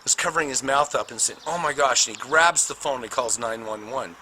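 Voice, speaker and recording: A middle-aged man telling his own near-death story as a personal testimony, animated and dramatic, with spoken sound effects. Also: medium pitch, fairly quick, low-quality recording. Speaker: speaker recounting a near-death experience. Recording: noticeable background noise.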